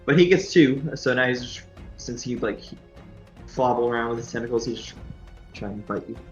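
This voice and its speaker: A man running a tabletop game as dungeon master, laid-back and halting, with lots of pauses and fillers. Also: mid-range voice, lo-fi sound. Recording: echoey room with faint music.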